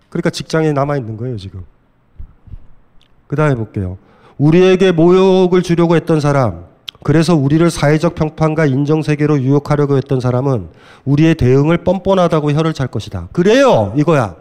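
A middle-aged man giving a lively, blunt philosophy lecture, often acting out scolding voices. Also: a little high.

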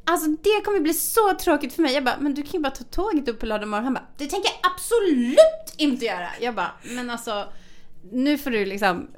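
A woman co-hosting a podcast, telling a story in casual chat, swearing freely and acting out the dialogue. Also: high-pitched. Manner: animated, swears a lot, acts out quoted dialogue. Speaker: podcast co-host.

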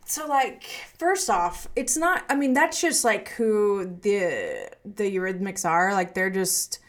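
A woman co-hosting a podcast, talking in a chatty, animated way with lots of filler words. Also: mid-range voice, slow. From Southwest Arkansas. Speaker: podcast co-host. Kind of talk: casual chat.

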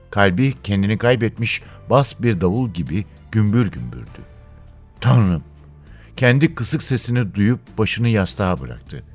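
Man, low voice, lively intonation, dramatic audiobook narration, radio reader. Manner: measured, dramatic, drops quiet at sentence ends.

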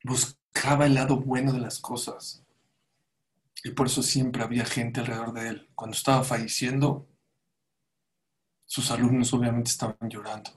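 A man's voice: mid-range voice, moderate pace, pauses often. A man giving a sermon, telling stories and acting out the voices of the people in them. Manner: animated storyteller, acts out quoted voices. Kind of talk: sermon with storytelling.

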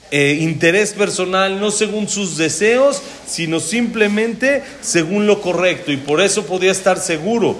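Man, religious lecture, high voice, patient and lightly humorous. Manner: explains verses slowly, then translates them, with humor. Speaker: rabbi teaching a class.

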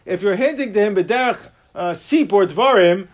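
A man's voice: sits high, moderate pace. An American man teaching religious law as a rabbi, with a Yiddish- and Hebrew-peppered yeshiva way of speaking, animatedly acting out little hypothetical exchanges. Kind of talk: religious law lecture with questions from students.

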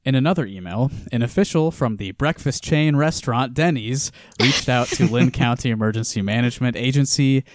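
A man's voice: medium pitch, fairly quick, hardly any pauses, dry recording, studio quality. A man hosting a casual podcast, reading news stories aloud with joking asides. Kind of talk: casual chat.

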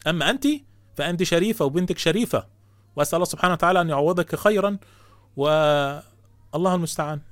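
Fast, high-pitched indignant Egyptian man. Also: fairly bright tone, no echo. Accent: Egyptian Arabic. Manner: indignant, rhetorical, scolding. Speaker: host taking calls. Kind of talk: impassioned religious commentary.

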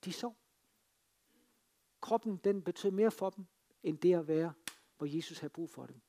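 A man delivers a sermon in a somewhat high voice. He tells it like a drama, pressing hard on some lines and dropping almost to a whisper on others. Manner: dramatic storytelling, swinging between emphatic and hushed. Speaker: preacher. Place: free church.

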